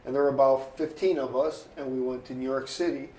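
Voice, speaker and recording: A man's voice: mid-range voice, steady tone, fairly quick, dark tone. Rambling older man, echoey room. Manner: rambling storyteller, acts out quoted voices. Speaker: interviewee, photographer. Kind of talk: oral history interview. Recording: echoey room, faint ambient noise.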